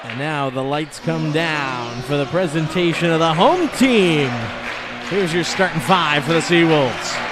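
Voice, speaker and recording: High-voiced male basketball commentator, loud crowd. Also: a little slow, loud music behind the voice. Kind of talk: live sports commentary. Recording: loud crowd and gym noise. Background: crowd, bouncing basketball.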